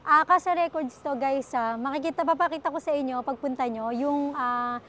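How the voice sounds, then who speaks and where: High-voiced chatty woman showing cars. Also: moderate pace, pushed and bright, slight background noise. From Philippines. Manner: chatty, full of fillers, keeps addressing viewers as guys. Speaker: used car dealer salesperson. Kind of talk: casual car walkaround vlog.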